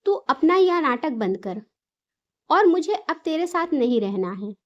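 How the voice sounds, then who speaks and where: A woman voicing an angry, stubborn older mother-in-law in a spoken storybook, talking in a sharp, scolding, insistent way. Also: high-pitched, sing-song, a little slow, dull audio.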